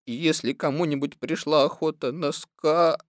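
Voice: mid-range voice, steady tone, no echo, clean studio sound, natural voice. A reader voicing a gloomy, grumbling old male donkey in an audiobook. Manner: slow, glum, long-winded. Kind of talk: audiobook reading.

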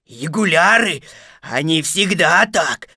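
A woman voicing a simple, good-natured male toy bear who talks slowly and earnestly, a little proud of what he knows. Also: on the low side, animated, sharp tone, slightly rough, no room sound, clean studio sound, pitched below the performer's own voice, heavily acted. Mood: knowing.

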